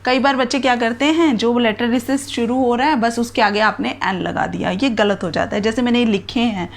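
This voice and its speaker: A woman's voice: a little high, moderate pace, vocal fry. A woman teacher giving a grammar lesson, spelling out letters and examples one at a time.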